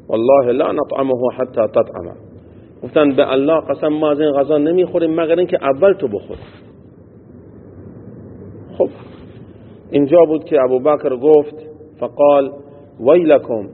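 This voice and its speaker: A man teaching as a religious teacher. He reads a text phrase by phrase and explains each part in plain everyday words. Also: medium pitch. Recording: tinny phone-like sound with long hall echo and faint noise.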